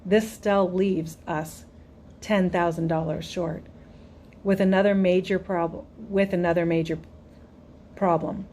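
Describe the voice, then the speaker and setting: A tired, steady father reads out grim figures to a church board, slow and businesslike, as a woman narrator puts him on. The voice sits fairly low and deliberate, told as an audiobook scene. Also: slight background noise, lightly acted. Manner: measured, businesslike summarizing. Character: weary middle-aged father, church board leader.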